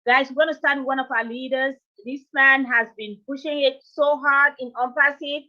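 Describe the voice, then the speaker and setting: A woman with a fairly high, upbeat voice hosts a live webinar and warmly calls out each viewer who joins. She laughs easily and keeps the energy up. Her sound is slightly dull, typical of a video call. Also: normal speed. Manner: energetic, greets viewers by name, laughs often. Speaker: webinar host. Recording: muffled lo-fi video call audio.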